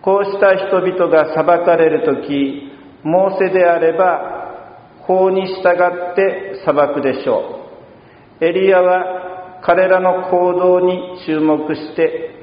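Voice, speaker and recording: Unhurried priest preaching in a roomy church. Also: male voice, high-pitched. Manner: calm, measured preaching with long pauses. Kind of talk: sermon. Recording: dull, roomy church sound from a distance.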